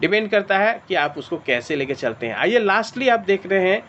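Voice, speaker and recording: High-voiced man pitching a plan. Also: very animated, normal speed, a bit bright. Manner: pitching, repeats "dear friends", walks through figures step by step. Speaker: presenter of an online business meeting. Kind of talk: sales presentation over a video meeting. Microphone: clip-on mic. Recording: dull lo-fi call audio with faint noise.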